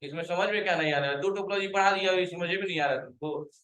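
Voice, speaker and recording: A man's voice: high-pitched, quick pace, a bit bright, echoey room, a little hiss or hum, poor audio. A male computer teacher giving a classroom lecture, quizzing his students, calling them to stand and scolding those who have not understood.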